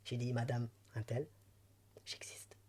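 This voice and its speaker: At normal speed, a Belgian interview guest recounts his personal story in a mid-pitched voice carrying a mild Belgian French accent. His talk is heartfelt and emotional, with easy laughter, as he drifts warmly from one idea to another.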